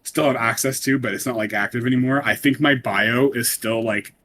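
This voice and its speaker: A man's voice: medium pitch, steady tone, a little fast, bright, forceful tone, slight background noise. A young man, a podcast co-host, telling a story in rambling casual chat while his call audio glitches and cuts out for seconds at a time. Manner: rambling, filler-heavy storytelling. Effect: glitchy audio that keeps cutting out for seconds at a time. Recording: dropouts on an internet call.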